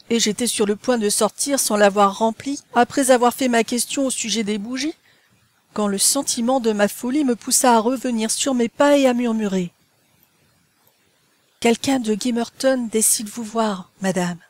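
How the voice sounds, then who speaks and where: A woman narrating a classic novel as an audiobook in a measured, even storytelling manner. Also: fairly high pitch, no room sound.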